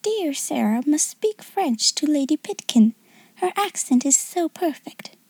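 A woman's voice: high voice, animated, a little slow, a little mellow, no room sound, pitched above the performer's own voice. A woman reading a story, voicing a jealous, spiteful schoolgirl who mocks in a prim, affected tone. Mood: mocking. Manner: sneering, mimicking prim adult tone. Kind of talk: audiobook character reading.

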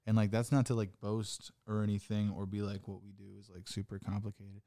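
A man's voice: fairly low pitch, completely flat delivery, brisk, mellow, no echo, studio quality. A man in his thirties chatting casually as a podcast host and comic, rambling with lots of "like" and swearing. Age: 30s. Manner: loose, rambling, swears often, says "like" a lot. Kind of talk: casual chat.

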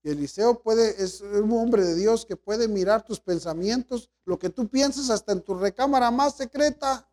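A male pastor preaching with a very high voice. He retells scripture in lively paraphrase and keeps calling his listeners brothers. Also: moderate pace. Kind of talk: sermon.

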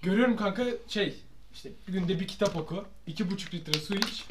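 A young man with a notably high voice co-hosts a relaxed podcast, trading jokes with his friends. He tells funny stories in an easy, teasing way into a studio microphone. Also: a little fast, noisy background. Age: young adult. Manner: joking, storytelling banter. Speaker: podcast co-host. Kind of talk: casual podcast chat.

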